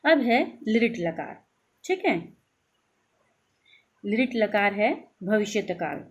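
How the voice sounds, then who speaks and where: A woman teacher giving a grammar lesson, slowly reciting verb forms and checking in with her students. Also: mid-range voice, animated, husky, dull audio. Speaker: Sanskrit teacher.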